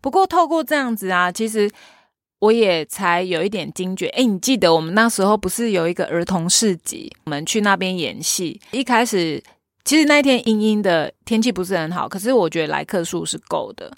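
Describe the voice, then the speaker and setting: A woman with a Taiwanese Mandarin accent, a children's theater troupe leader, chatting in an interview and retelling stories with animated quoted dialogue. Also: mid-range voice, fairly quick, no room sound, studio quality. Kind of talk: casual interview talk, storytelling.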